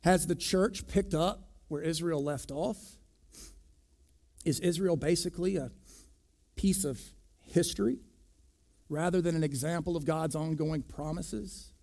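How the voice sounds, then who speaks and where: A pastor preaching a sermon, deliberate and emphatic, pressing hard on key words. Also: male voice, on the high side, a little mellow.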